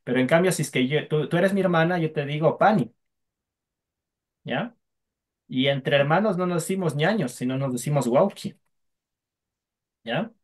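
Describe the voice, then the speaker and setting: A man's voice: fairly high pitch, moderate pace, long pauses. A man teaching a language class online, patiently drilling sounds for students to repeat.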